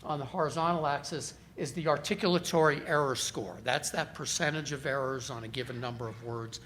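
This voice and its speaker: A man presenting research at a conference, explaining results in a measured way with frequent fillers. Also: medium pitch, a bit bright, a little hiss or hum. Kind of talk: academic conference talk. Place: conference hall.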